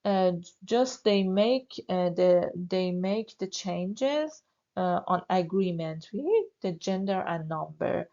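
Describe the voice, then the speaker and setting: A woman with a fairly low, steady, warm voice teaches a French grammar lesson at a slow pace. She repeats words for her learners and checks in often with "oui" and "n'est-ce pas," in a slow, repetitive style. The audio is dull and lo-fi.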